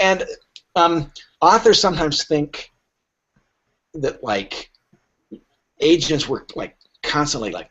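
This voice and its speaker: A man with a higher, breathy voice appears casually as a literary agent guest on a podcast. He tells stories animatedly, acting out imagined bits of dialogue, and the podcast audio is dull and lo-fi.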